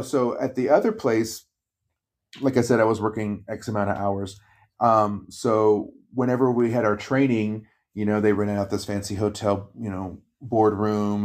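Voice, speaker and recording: Chatty guy, kinda high, telling work stories, does the voices of people he quotes. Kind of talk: casual chat.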